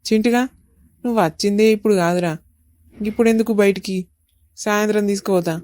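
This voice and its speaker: A woman playing village uncle, young man, Telangana accent, grumbling and low-voiced. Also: steady tone, fairly quick, a little mellow, no echo, studio quality, close to an everyday voice. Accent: Telangana Telugu. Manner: grumbling, dismissive.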